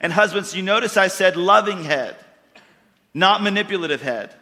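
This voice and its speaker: A pastor delivers a sermon to his congregation, folksy and emphatic, driving his points home and breaking into louder bursts. His bright voice sits slightly high, animated and at a normal speed. The long reverb of a church hall rings around him.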